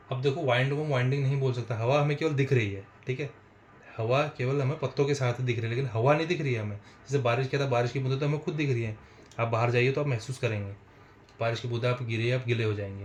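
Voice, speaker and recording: A man teaching a spoken English lesson, explaining patiently and repeating phrases slowly for his viewers. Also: medium pitch, reverberant, a little hiss or hum. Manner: slow, repetitive explaining, addresses viewers as friends.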